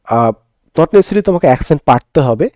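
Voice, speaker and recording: A man's voice: a little high, lively intonation, fairly quick, a little mellow, no echo, studio quality. A young Bangladeshi man, a teacher, giving an earnest, reflective monologue and switching between Bengali and English mid-sentence.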